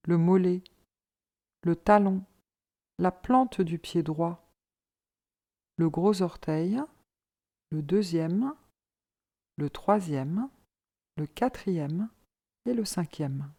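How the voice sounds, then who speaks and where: Guiding a yoga relaxation, the instructor keeps a calm, steady, soothing delivery in a lowish female voice.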